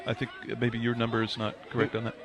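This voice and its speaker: A man calling a match live as a commentator, measured and jovial with frequent ums and restarts. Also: mid-range voice, monotone, a faint crowd. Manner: measured, hesitant with fillers, jovial. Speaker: play-by-play commentator and coach.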